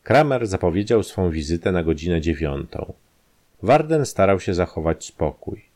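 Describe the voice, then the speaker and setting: A man narrating a scripted crime story for a podcast, measured storytelling with expressive rises. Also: low voice.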